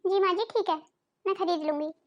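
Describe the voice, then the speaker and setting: Woman voicing a cartoon daughter-in-law, young, dutiful, sweet, very high. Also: brisk, lo-fi sound. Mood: caring.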